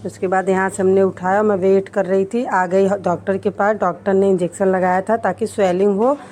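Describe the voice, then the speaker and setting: Soft, even-toned woman vlogger. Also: medium pitch, normal speed. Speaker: vlogger and mother. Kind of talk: casual vlog narration.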